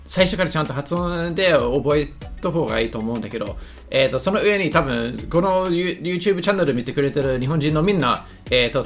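Guy joking around reacting to a video, keeps tripping on his words, pitch all over the place, soft music under it. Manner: joking, self-mocking, stumbles over words. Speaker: YouTuber reacting to a lesson video. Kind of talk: casual commentary.

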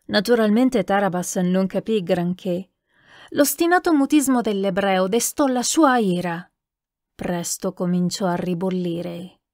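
A woman narrating a novel in a measured, expressive audiobook reading. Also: medium pitch, no echo, clean studio sound. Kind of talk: scripted narration.

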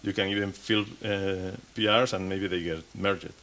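Speaking at a podium mic on stage, a thirtysomething man delivers a technical conference talk full of restarts and repeated words. He has a deep, a bit bright voice with fairly even intonation at a moderate pace.

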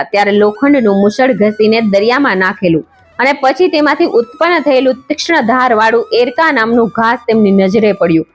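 A woman reading a devotional scripture story as narrator, in an even, measured storytelling delivery. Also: on the high side.

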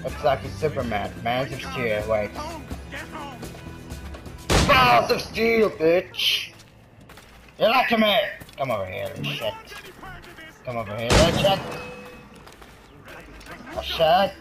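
A man's voice: medium pitch, animated, normal speed, gravelly, long pauses, over loud music, poor audio. A young man doing let's play commentary, joking, swearing a lot and talking back to game characters. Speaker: gaming video host.

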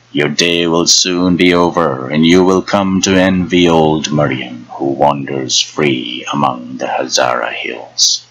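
A man's voice: extremely low pitch, fairly bright tone, husky, no echo, full character voice, rough recording. A man voicing an old woman fortune teller who taunts and jeers in a bitter, cackling way. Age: older.

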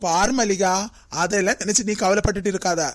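A voice actor with a Kanyakumari Tamil accent voicing a calm, reassuring older-sister character in an animated comedy. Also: medium pitch, a little fast, no echo.

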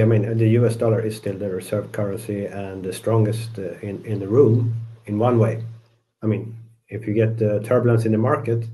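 A middle-aged man from Sweden, a guest fund manager, talks through the markets in a low, flat voice. His tone is mellow and he is measured, often repeating a word before going on. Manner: measured, repeats words while searching for phrasing. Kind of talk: interview answers.

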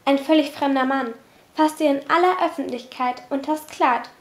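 A woman reading a novel aloud as an audiobook. Her voice sits high, and she tells the story in a steady, expressive way. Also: normal speed. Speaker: audiobook reader.

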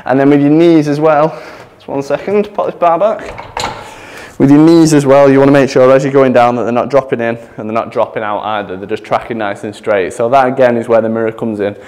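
A man's voice: medium pitch, fairly even intonation, fairly quick, darkish tone. A man, out of breath, demonstrating gym exercises as a chatty fitness coach who laughs at himself. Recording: echoey gym with long reverb.

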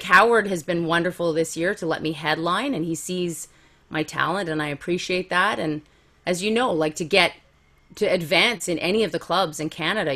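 A woman's voice: lowish voice, a bit bright. A woman in her forties, a comedian guest telling stories about her career in a frank, self-mocking way and laughing easily. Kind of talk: candid conversational storytelling.

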